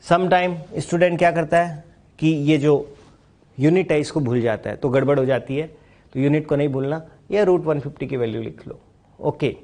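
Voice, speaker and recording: A physics teacher, a man, lectures in a slightly high voice. He walks through formulas step by step, repeating key points and posing questions he then answers himself. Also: normal speed, mellow. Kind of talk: classroom lecture mixing Hindi and English.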